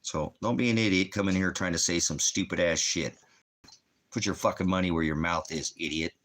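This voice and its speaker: This man has a low, slightly bright voice and speaks fairly quickly. Hosting a rambling livestream of Bible teaching from beside his home fireplace, the ministry teacher is blunt and challenging toward commenters and regularly answers his own questions.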